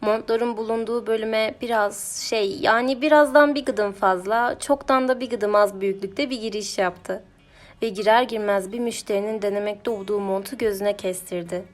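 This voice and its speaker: A woman reading a children's story aloud in a gentle, expressive storybook narration. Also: mid-range voice, normal speed.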